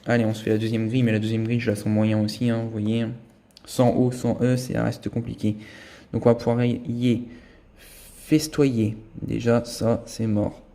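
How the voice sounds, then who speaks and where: In a mellow, level voice of medium pitch touched with vocal fry, a scratch-card vlogger talks his way through his lottery tickets at a moderate pace, thinking aloud over every symbol and letter.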